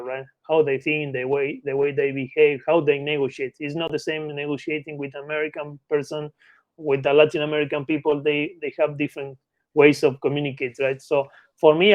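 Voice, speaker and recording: Speaking with an Argentine Spanish accent, this Patagonian mergers and acquisitions consultant is a guest in an interview, explaining things like an expert and repeatedly adding short tag questions to check in. His pitch is slightly high. The audio is close, dry, and echo-free but of poor quality.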